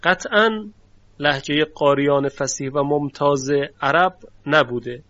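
A man's voice: a little high, sharp tone, no room sound. A man teaching the phonetics of Quranic recitation in a formal, courteous lecture, explaining and demonstrating sounds aloud. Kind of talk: recorded lecture. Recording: dry, dull lo-fi recording.

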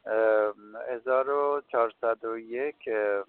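A man's voice: medium pitch, steady tone, clear, resonant tone, no room sound, narrow, tinny audio. A man answering questions as a filmmaker in a radio interview, hesitant and full of filler sounds. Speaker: filmmaker guest.

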